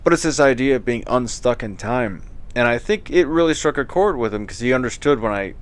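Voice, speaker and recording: A man's voice: medium pitch, animated, fairly quick, smooth. A man hosting a casual late-night chat, rambling and joking with a profane, loose way of talking.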